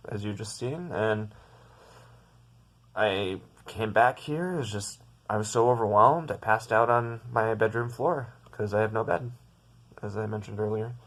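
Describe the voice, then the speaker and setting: A young man telling a story about his bad day in a casual vlog from his bedroom, rambling and upset, with many restarts and fillers. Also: on the low side. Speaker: vlogger.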